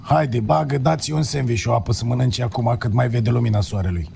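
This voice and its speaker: Gravelly menacing man giving orders. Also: mid-range voice, a little mellow, slight background noise. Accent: Romanian. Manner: menacing, mocking and commanding. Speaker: gang boss interrogating a captive in roleplay. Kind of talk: in-character roleplay.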